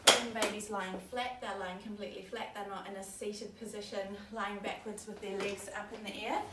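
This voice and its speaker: Demonstrating a stroller for a baby store, a young woman with a New Zealand accent talks casually at a moderate pace, frequently saying um. Her mid-range voice keeps fairly even intonation. The distant camera mic records a roomy space with loud background noise.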